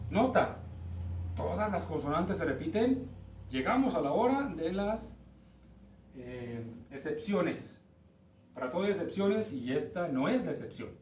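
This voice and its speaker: A man's voice: fairly high pitch, a little mellow, recorded from a distance, slight background noise. A man with a Mexican Spanish accent teaching an English lesson, explaining step by step and checking in with his students. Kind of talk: recorded class lesson. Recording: roomy, from off-mic with faint ambience.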